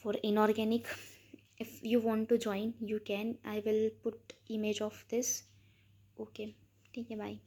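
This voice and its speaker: A woman's voice: mid-range voice, darkish tone. A young woman with an Indian accent chatting casually about her study plan, rambling and mixing English into Hindi. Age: young adult. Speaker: student vlogger.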